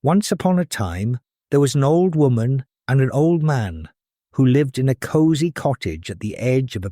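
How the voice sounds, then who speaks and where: Man, fairy tale storyteller, children's read-aloud, unhurried, very animated intonation, close dry sound. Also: mid-range voice, no echo. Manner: measured, expressive storytelling.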